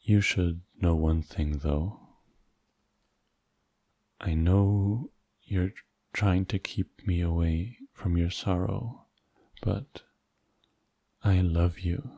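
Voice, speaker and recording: A man playing a tender, hurt, devoted boyfriend in an ASMR role-play, speaking in a soft, intimate, halting murmur to comfort a partner. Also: low-pitched, gravelly, no echo, heavily acted. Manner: slow, halting, gentle, intimate.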